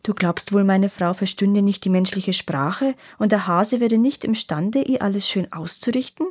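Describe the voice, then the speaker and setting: A woman voicing a sly, poor old grandfather who flatters and feigns offense. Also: mid-range voice, moderate pace, breathy edge, lightly acted. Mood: mock-offended. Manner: wheedling and flattering, then mock-offended.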